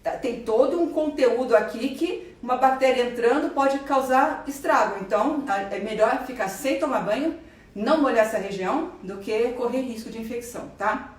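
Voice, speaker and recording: A woman plastic surgeon with a Brazilian Portuguese accent who answers viewers' questions in a live stream, talks fast and with enthusiasm, and explains while pointing and drawing. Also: fairly high pitch. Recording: roomy echo, voice a bit far from the mic.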